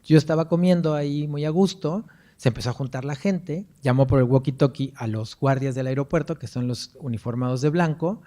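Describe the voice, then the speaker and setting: Mellow-voiced Mexican man telling anecdotes. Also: mid-range voice, brisk. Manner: chatty, anecdotal, frequent tag questions. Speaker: guest lecturer, performance artist. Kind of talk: lecture with storytelling anecdotes.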